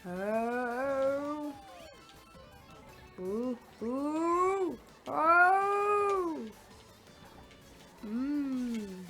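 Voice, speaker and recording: Hosting a gaming video, a woman gives playful kart racing commentary packed with exclamations, oohs and little vocal sound effects. Her high, expressive voice moves extremely slowly with long pauses, and video game music plays underneath.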